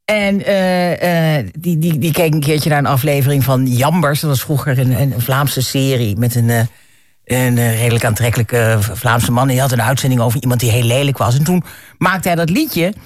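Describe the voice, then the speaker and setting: A man hosting a casual chat about songs, telling stories with many pauses and restarts. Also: mid-range voice, no room sound, studio quality. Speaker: radio host.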